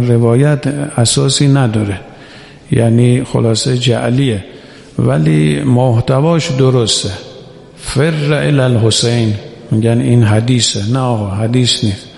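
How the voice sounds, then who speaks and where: A man preaching a religious sermon who urges his listeners on and slowly chants quoted scripture. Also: medium pitch, gravelly, mellow. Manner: exhorting, quotes Arabic scripture in slow chant. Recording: echoey hall reverb.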